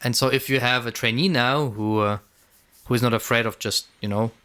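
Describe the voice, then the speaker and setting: A man's voice: mid-range voice, steady tone, a little fast, bright, forceful tone, smooth. Rambling man co-hosting a podcast. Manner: rambling, repeats words while thinking. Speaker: podcast co-host. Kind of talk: casual conversational podcast chat.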